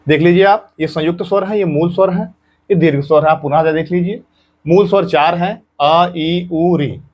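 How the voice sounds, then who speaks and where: A man's voice: sits high, brisk, darkish tone. A male teacher giving an exam-prep grammar lesson, patiently saying each sound aloud and repeating points for students.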